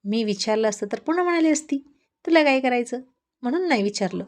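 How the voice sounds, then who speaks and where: Storybook voice: a woman playing a gruff young man, curt, easily annoyed, dryly sarcastic. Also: fairly high pitch, animated, fast, pitched above the performer's own voice, close to an everyday voice. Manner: curt and dry, mildly sarcastic.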